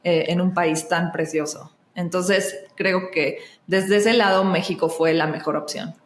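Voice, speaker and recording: A woman from Argentina who speaks with a Mexican Spanish accent, chatting as a podcast guest in an animated way with many fillers and restarts. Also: lowish voice, unhurried, reverberant. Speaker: guest, actress and singer. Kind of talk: casual podcast conversation.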